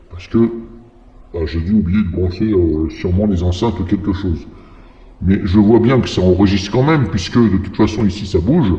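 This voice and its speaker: A man explaining software in a casual, rambling tutorial, his voice run through a demon voice-changer filter. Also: lowish voice, voice pushed down. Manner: rambling and digressive. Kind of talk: casual screen-recorded tutorial. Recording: echoey, long reverb, dull lo-fi.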